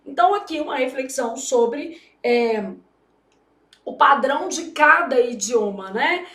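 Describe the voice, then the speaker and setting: A woman's voice: high voice, expressive, a little slow, pushed and bright, roomy sound. A Brazilian Portuguese woman teaching grammar for exam prep, chatty and joking with her students. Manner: chatty, jokey, addresses students as "gente". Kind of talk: lively classroom lesson.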